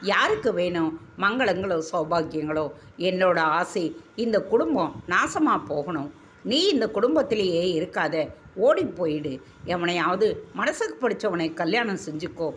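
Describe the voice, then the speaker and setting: A woman's voice: on the low side, very animated, normal speed, a little hiss or hum. A woman voicing a grieving elderly grandmother who is locked away, speaking in a tearful, pleading, affectionate way.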